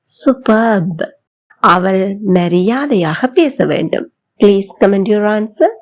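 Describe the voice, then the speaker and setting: A woman with a Tamil accent teaching spoken English, drawing out model sentences slowly for learners to repeat. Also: mid-range voice, expressive, muffled recording. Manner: slow, drawn-out model sentences for repetition. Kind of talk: bilingual language lesson.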